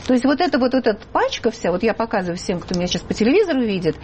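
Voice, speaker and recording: A woman hosting a radio and TV talk show, speaking in an animated, emphatic way. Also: fairly high pitch, racing, a little hiss or hum. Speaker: host.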